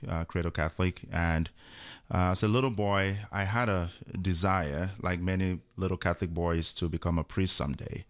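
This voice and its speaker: A man, a guest telling a personal story in an unhurried way with many fillers. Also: low voice, clean tone. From Cameroon.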